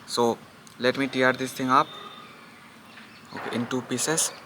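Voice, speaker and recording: With a steady, bright, forceful mid-range voice and a measured pace, an Indian Bengali man eats outdoors in public and vlogs casually. He rambles, repeats himself, and makes chatty remarks to viewers, with slight noise behind him.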